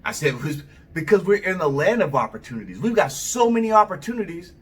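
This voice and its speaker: Guy vlogging his opinions, lively bouncy voice, kinda far from the mic. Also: sits high, quick pace. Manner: animated, conversational, rambling. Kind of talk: opinion monologue to camera.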